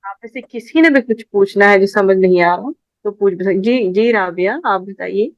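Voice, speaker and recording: A woman teaching an online class, patiently repeating each point slowly for her students. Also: mid-range voice, dry recording, lo-fi sound.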